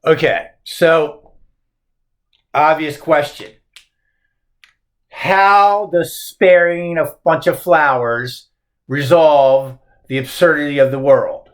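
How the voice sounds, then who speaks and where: A man's voice: a little high, takes it slowly, long pauses. A male teacher lecturing on a poem, posing emphatic rhetorical questions.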